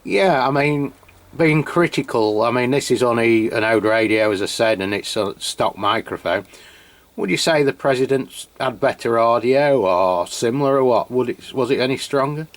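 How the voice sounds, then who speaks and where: An English man with a mid-range voice talks at a normal pace, with no room sound, as he reviews a radio outdoors on a cold, wet hilltop. His casual chat to camera is full of fillers and restarts. He uses a handheld radio mic and a camera.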